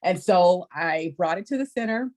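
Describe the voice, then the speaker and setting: Woman educator guest, animated storyteller who acts out children's voices. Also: lowish voice, moderate pace. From Texas. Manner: lively, acts out kids' voices with squeals. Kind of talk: animated storytelling in podcast chat.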